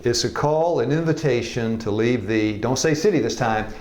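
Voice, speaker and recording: In a reverberant classroom before a live audience, a health evangelism teacher in his sixties tells his life story as a personal testimony, folksy and joking, often laughing. His voice is medium-pitched and darkish, at a moderate pace.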